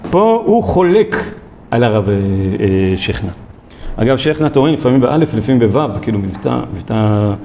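A male Torah teacher gives a recorded lesson in a room. His voice is mellow and soft-edged, and he pauses often on long filler sounds as he thinks. A faint hiss of noise sits behind him. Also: mid-range voice, sing-song. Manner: hesitant, many drawn-out fillers.

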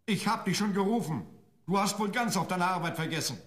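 A man playing a gruff, scolding woodcutter father in a fairy-tale radio play. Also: sits high, lively intonation, fairly quick, a bit bright. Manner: scolding and grumbling.

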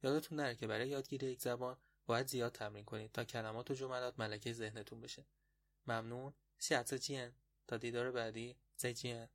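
Male podcast tutor, mid-pitched, patient explainer, slows down for repeats. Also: fairly even intonation, creaky. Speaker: Chinese language teacher. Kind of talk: podcast language lesson.

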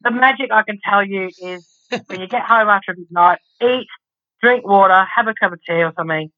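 A woman's voice: medium pitch, a little fast. A woman co-hosting a podcast, chatting casually in a rambling way and swearing now and then. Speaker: podcast co-host. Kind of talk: casual chat. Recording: dull lo-fi sound.

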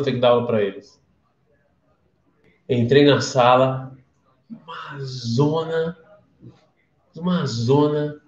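A man from Brazil, mid-range in voice and speaking with a Brazilian Portuguese accent, hosts an informal live-streamed class. Chatty and full of stories, he questions his listeners, and the sound is roomy and dull.

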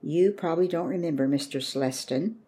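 A woman reading the lines of a kind, thoughtful father who is a country doctor, with a calm, measured delivery. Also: low-pitched, slight background noise, lightly acted. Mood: gentle.

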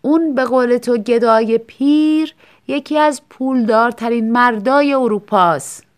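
A woman voicing a self-assured male painter who speaks in an unhurried, teasing way, in a storybook reading. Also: sits high, pitched above the performer's own voice, close to an everyday voice.

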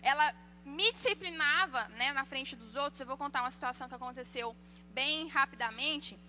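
A woman giving a sermon on parenting, telling lively personal stories and acting out the voices of the people in them. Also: high-pitched, normal speed, slight background noise. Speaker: church speaker.

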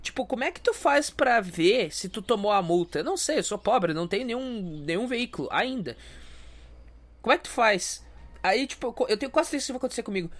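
A man's voice: sits high, lively intonation, quick pace, fairly bright tone. Crude, ranting man. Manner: crude, self-mocking, heated. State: stuffy nose. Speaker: podcast host. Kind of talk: casual comedic rant.

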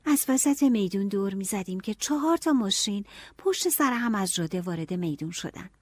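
A woman narrating an audiobook in a steady storytelling manner. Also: mid-range voice, no room sound, studio quality.

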